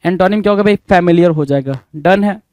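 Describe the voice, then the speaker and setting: A man's voice: high-pitched, quick pace, darkish tone, no room sound. A man teaching an exam vocabulary lesson, asking the listener rhetorical questions over and over. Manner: repetitive quizzing asides.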